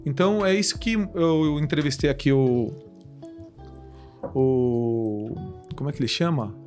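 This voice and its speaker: A man's voice: mid-range voice, a little slow, a little mellow, faint music behind. A man hosting a podcast, chatting casually and sharing his opinions at length. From Brazil. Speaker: podcast host.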